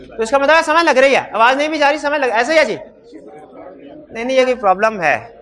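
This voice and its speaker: A man teaching law in a hybrid classroom. He has a sore throat, speaks loudly into a microphone, and keeps putting questions to his students. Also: very high-pitched, expressive, fairly quick. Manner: quizzes students with repeated questions. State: throat trouble, talking loudly. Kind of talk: classroom lecture.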